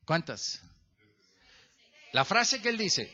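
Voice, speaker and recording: A man's voice: sits high, drawn-out words, lo-fi sound. A male pastor preaching a sermon, questioning the congregation and calling on members by name as he works through a verse. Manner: lively and animated, stretching the verse phrase by phrase.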